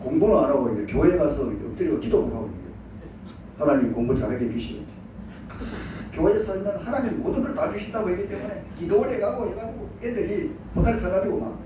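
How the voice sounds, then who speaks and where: A male pastor preaching a sermon, animated, acting out quoted prayers and leading the congregation to repeat after him. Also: high voice, quick pace, few pauses, noisy background. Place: church sanctuary. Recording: echoey church hall from far off.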